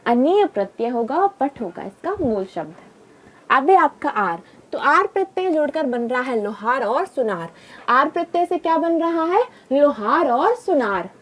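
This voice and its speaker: A young woman teaching a grammar lesson, repeating examples and quizzing the viewer with reminders. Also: sits high. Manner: repetitive, drilling with reminders and quiz questions.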